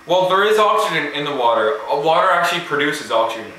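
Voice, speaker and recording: A man's voice: fairly high pitch, animated, fast talker, pushed and bright. A man hesitantly improvising a confident but rambling explanation in casual chat. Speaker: guest answering a quiz question. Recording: echoey room with faint hiss.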